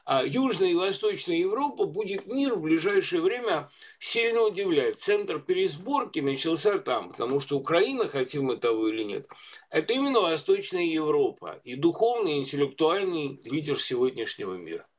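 A man with a high-pitched voice talks at length in a discursive, conversational way. He pauses often with filler sounds and restarts his sentences as he goes. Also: big pitch swings. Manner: discursive, many hesitations and restarts. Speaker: guest commentator. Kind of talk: conversational commentary.

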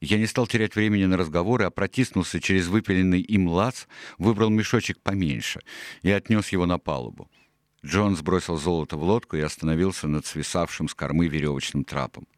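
A deep-voiced male audiobook narrator tells the story in a calm, measured way. The studio-quality recording is dry.

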